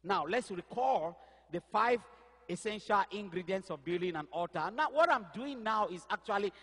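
On a big church stage, a fifties-aged pastor whose first language isn't English delivers a sermon through a headset mic. He speaks high-pitched at a normal speed, the hall's size audible, animated and gesturing as he hunts for the right words out loud.

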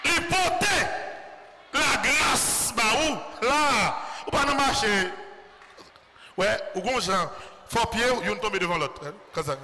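A man with a Haitian accent, a priest delivering a fervent sermon in church and often shouting out to the congregation. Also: extremely high pitch, lively intonation, takes it slowly, crowd noise. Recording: loud background noise.

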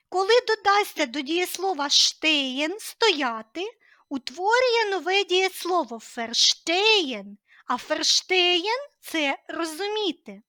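A woman teaching an online language lesson, explaining patiently and clearly with lively emphasis. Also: high-pitched, dry recording, clean studio sound.

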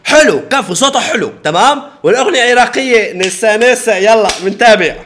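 A man's voice: very high-pitched, animated, quick pace, noisy background. A man hosting a reaction video, chatty and eager, calling his viewers brothers. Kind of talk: casual reaction commentary.

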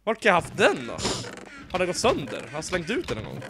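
A man co-hosting a casual Let's Play, excitable and quick to laugh and shout. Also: high-pitched, background noise. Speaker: gaming channel co-host.

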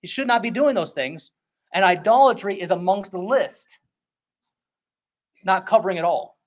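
A male pastor preaching an expository sermon in a conversational, emphatic way, often slipping into quick acted-out voices. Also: high-pitched.

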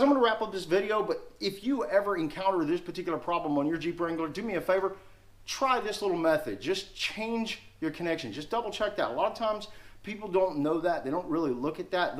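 Chatty man in his forties, higher-pitched voice. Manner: chatty, repeats "honestly" and "guys". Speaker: car repair channel host. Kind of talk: casual how-to vlog. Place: open home garage, outdoors by driveway.

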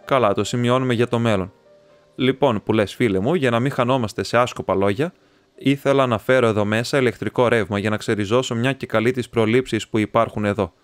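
A man reading the part of a talkative, excitable young male student who rambles, chats and teases his friend. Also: medium pitch, clean tone, dry recording, faint music behind, lightly acted. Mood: chatty. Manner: rambling, chatty, teasing.

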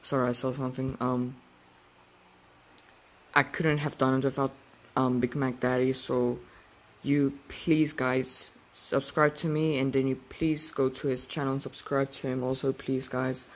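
A man giving a halting, casual video intro, pausing often and asking viewers to subscribe. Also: mid-range voice, flat delivery. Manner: halting, many pauses and fillers, asking to subscribe. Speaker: video uploader.

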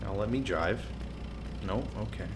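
A man's voice: on the low side, measured pace, background noise. A man giving casual, wry let's play commentary as he plays a video game, full of quips. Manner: wry, quipping.

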